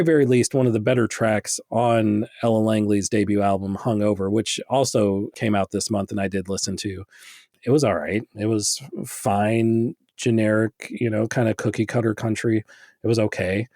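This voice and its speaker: A man's voice: fairly low pitch, fairly even intonation, normal speed, darkish tone, no echo, studio quality. A man co-hosting a music podcast, chatting casually with rambling, self-deprecating remarks and casual swearing. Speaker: podcast co-host reviewing albums. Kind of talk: casual music review chat.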